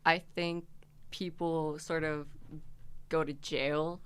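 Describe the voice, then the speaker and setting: A young woman guesting on a casual podcast, talking in a hesitant way that often trails off. Her voice is low for a woman and smooth. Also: level tone, slow pace. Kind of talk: casual chat.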